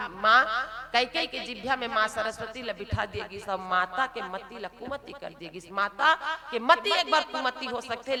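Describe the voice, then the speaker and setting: Chhattisgarhi woman giving a devotional discourse. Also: on the high side. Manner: storytelling with dramatic rises, often breaking into chanted verse; repeatedly addresses the audience directly. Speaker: Ramayana commentator at a recitation contest. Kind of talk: devotional discourse to a village audience.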